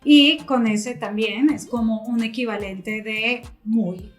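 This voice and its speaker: A woman with a fairly high voice co-hosts a Spanish lesson, explaining with lively emphasis. She often affirms her partner with short sounds. Soft music sits faintly in the background. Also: slow pace. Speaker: Spanish teacher.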